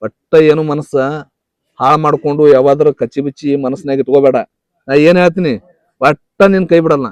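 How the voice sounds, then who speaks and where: A man's voice: fairly high pitch, fairly even intonation, a little fast, dry recording, natural voice. A young man playing a boyfriend in a comedy skit, pleading and insistent, with a North Karnataka Kannada accent. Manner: pleading, insistent, repeats promises.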